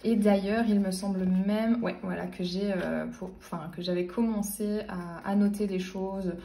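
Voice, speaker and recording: A woman's voice: medium pitch, fairly even intonation, moderate pace, gravelly, dark tone, far from the mic, a little hiss or hum. A woman in her late twenties chatting casually about her book collection, hesitant and full of fillers and restarts. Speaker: book vlogger. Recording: roomy sound, voice a bit off-mic.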